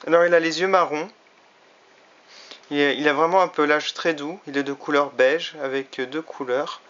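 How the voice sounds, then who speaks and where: Chatty man with a higher voice. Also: fairly even intonation, normal speed, a bit bright. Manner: chatty, frequent hesitations. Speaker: toy reviewer. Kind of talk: casual product review. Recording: slightly dull lo-fi recording.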